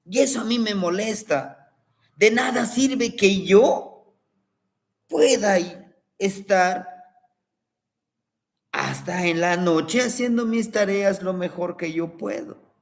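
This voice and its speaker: A man's voice: sits high, takes it slowly, vocal fry, long pauses, exaggerated voice. A man voicing an upset young granddaughter who complains in an aggrieved way about unfairness. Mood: indignant.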